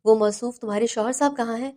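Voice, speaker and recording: A man's voice: very high-pitched, fairly even intonation, darkish tone. A woman voicing a caring older brother who talks fondly and teasingly to his younger sister on the phone in a storybook reading. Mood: affectionate.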